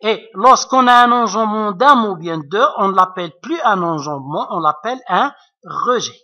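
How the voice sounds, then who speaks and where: The lo-fi clip features a man with a high, expressive, pushed and bright voice at a normal speed. A native Arabic speaker with an Arabic accent, he teaches French literature and patiently explains French poetry to his class, repeating points and adding frequent check-in asides.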